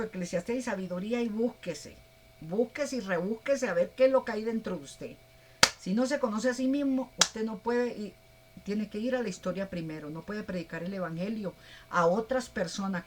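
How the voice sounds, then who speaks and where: A woman preacher, giving a rambling, animated sermon. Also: medium pitch, slight background noise. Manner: animated, rambling, plays out voices.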